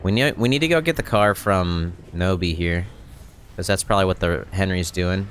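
A low, slightly bright male voice at a moderate pace leads this casual gameplay commentary, with soft music in the background. The speaker is a thirtysomething streamer who hosts tutorials, recorded close on a boom-arm mic with background noise clearly audible.

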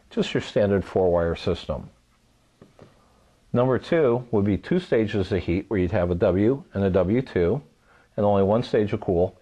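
Patient, low-voiced male instructor. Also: dark tone, lo-fi sound. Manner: patient, methodical, repeats key points. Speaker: home repair instructor. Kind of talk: step-by-step how-to demonstration.

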